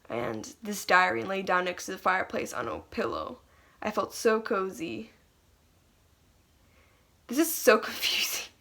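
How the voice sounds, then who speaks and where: A woman's voice: mid-range voice, fairly bright tone. A young adult woman reading from her old diary and commenting casually, in a hesitant, rambling, self-conscious way.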